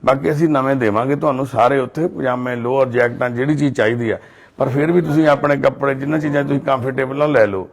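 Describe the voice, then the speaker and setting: A man, a charity volunteer speaking gently and reverently in a home as he makes an appeal and reassures an elderly couple. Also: mid-range voice, fairly even intonation, quick pace, gravelly. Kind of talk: on-the-spot appeal and consoling talk. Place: indoors at a family home.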